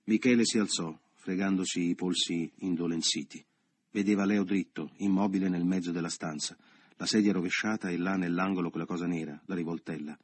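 A man narrates a literary novel in a measured, subdued way. His voice sits very low and has a husky grain. The recording is close and dry. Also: steady tone, no echo. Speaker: audiobook narrator.

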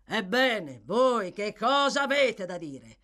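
A woman reading aloud, voicing a bullying, sneering male magistrate who barks loud, scornful orders in an audiobook. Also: on the high side, sing-song, a little slow, pitched above the performer's own voice. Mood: harsh.

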